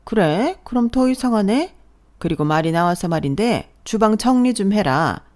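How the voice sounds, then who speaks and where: A woman's voice: medium pitch, lively intonation, normal speed, darkish tone, lightly acted. A woman voicing a nagging, sarcastic older mother-in-law who scolds as she speaks. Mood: scolding.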